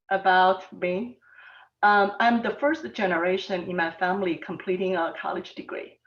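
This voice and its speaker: A middle-aged woman from Taiwan speaks at a mid pitch, softly and hesitantly, with halting delivery and frequent ums. As a mathematics professor and panelist, she gives a personal talk at an online panel. She is heard from afar on a dull, lo-fi recording.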